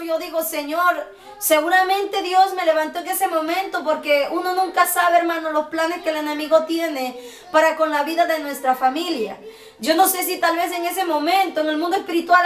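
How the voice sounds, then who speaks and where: A woman's voice: very high-pitched, far from the mic. A woman giving a fervent religious testimony and calling her listeners brethren. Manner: fervent, preacherly, keeps addressing listeners as brethren. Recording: roomy sound, voice off-mic.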